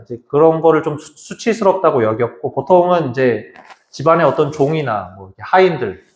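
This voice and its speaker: Priest in an echoey hall. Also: male voice, on the high side. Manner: conversational, vividly retelling with quoted voices. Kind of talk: Lenten lecture, storytelling.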